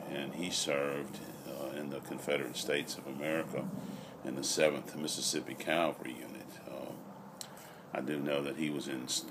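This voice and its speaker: A middle-aged man chats casually and reflectively, rambling with frequent pauses, recorded outdoors on a patio. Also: very deep voice. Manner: unhurried, rambling, pausing often. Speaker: vlogger. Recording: noisy outdoor ambient recording.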